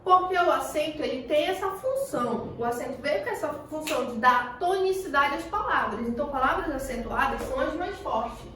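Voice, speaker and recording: A Brazilian woman teaching a primary class, asking questions and answering them herself while stretching the key words slowly. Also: sits high, animated, sharp tone, slight background noise. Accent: Brazilian Portuguese. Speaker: schoolteacher. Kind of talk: recorded remote class lesson. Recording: echoey room, voice far from the mic.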